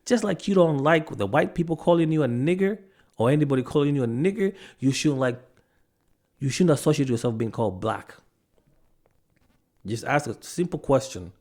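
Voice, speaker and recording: A man's voice: mid-range voice, animated, moderate pace, a little mellow. A man from Africa giving a ranting monologue to camera, arguing hard and firing off one rhetorical question after another. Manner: argumentative, fires off rhetorical questions; stops to check notes mid-rant, with restarts. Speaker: video commentator.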